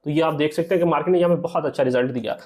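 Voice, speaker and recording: This trading teacher talks very fast in a fairly high, slightly mellow voice as he explains a strategy over a screen recording. He habitually addresses viewers as "sir" and checks in with "theek hai."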